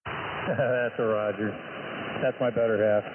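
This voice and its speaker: A man's voice: fairly low pitch, takes it slowly. An older man chatting wryly on a ham radio call, his voice coming through a radio receiver. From California. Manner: relaxed, wry, chatty. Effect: heard over a ham radio receiver. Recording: tinny, noisy shortwave radio signal.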